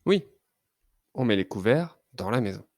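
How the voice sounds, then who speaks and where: A man teaching a child to read, sounding out letters and syllables slowly and carefully. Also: fairly low pitch, sing-song, darkish tone, no echo, studio quality. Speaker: reading teacher. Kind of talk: children's phonics lesson.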